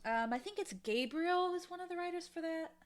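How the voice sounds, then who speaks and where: Her voice is extremely high, expressive, and brisk. As a guest in a casual interview, this audio drama showrunner and dialogue editor talks emphatically and enthusiastically.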